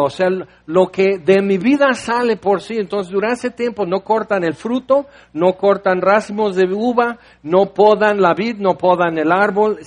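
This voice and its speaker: A man preaching a sermon, reading Bible verses and explaining them with conversational, playful asides. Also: high-pitched.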